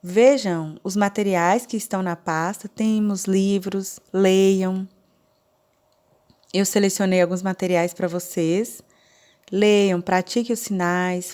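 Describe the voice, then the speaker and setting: A woman with a Brazilian Portuguese accent teaching a recorded online lesson, explaining slowly and step by step. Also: medium pitch, fairly even intonation, a little mellow, clean tone. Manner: slow, deliberate, explaining step by step. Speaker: sign language teacher.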